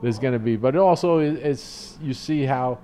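Earnest barber with a mellow voice. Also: male voice, mid-range voice. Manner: earnest, halting, many restarts. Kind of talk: casual chat.

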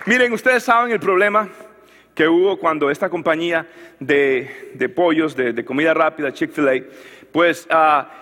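A man preaching a sermon as pastor, animated, building to shouts, with frequent restarts. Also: on the high side, moderate pace, long reverb tail, a faint crowd.

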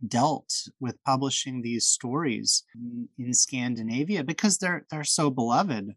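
Chatting casually on his podcast, the host sounds friendly and enthusiastic, often starting over and filling gaps with fillers. His medium-pitched voice is unhurried and a bit bright, with no room sound.

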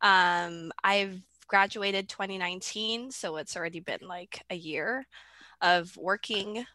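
A woman's voice: mid-range voice, slow pace, pushed and bright, no echo. A woman in her twenties from the Philippines, a podcast guest talking casually over a video call, hesitant with many fillers and restarts, giggling between thoughts. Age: 20s.

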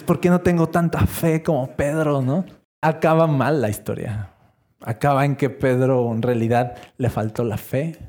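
Mellow-voiced preacher. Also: male voice, medium pitch. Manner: conversational, animated, acts out scenes. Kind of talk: sermon.

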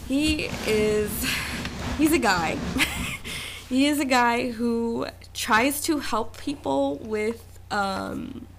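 A young woman co-hosting a podcast, chatting casually, animated and laughing often. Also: on the high side, slight background noise. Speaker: podcast co-host.

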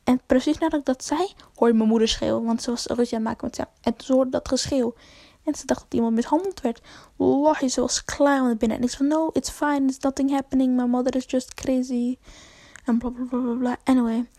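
A woman's voice: fairly high pitch, fairly even intonation, quick pace, warm tone, dry recording. A young woman telling a rambling, slangy story to camera, full of fillers and swearing. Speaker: vlogger.

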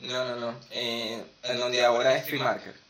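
A man's voice: medium pitch, moderate pace, over a noisy crowd. A young man with a Venezuelan accent, telling stories in a casual, slangy chat. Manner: animated storytelling with slangy asides.

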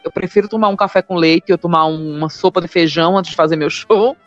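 A woman's voice: fairly low pitch, fairly even intonation, fast talker, dull audio, soft background music. Northeastern Brazilian woman, frank comedian. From Maceió, Northeast Brazil. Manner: frank, self-mocking storyteller. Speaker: stand-up comedian guest. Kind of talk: casual interview chat.

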